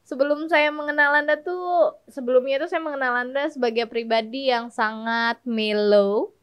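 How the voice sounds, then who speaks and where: A woman's voice: high voice, moderate pace, smooth. A young woman hosting a casual comedic advice talk, chatty and playful, laughing often as she tells stories. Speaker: host.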